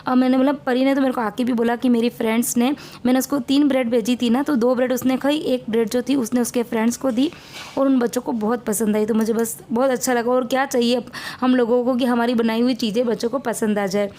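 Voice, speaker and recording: A woman's voice: fairly high pitch, fairly even intonation, quick pace, warm tone. A woman in her thirties narrating her family vlog in a chatty, rambling way as she cooks. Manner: chatty, rambling, homely cooking talk. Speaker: family vlogger.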